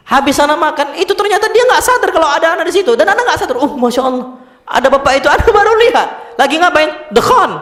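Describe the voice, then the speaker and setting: A man with an Indonesian accent giving a casual religious lecture, telling animated stories and mixing in Arabic terms. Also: very high voice. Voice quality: animated storytelling, mixes Arabic terms, laughs often. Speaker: Islamic preacher. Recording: echoey hall.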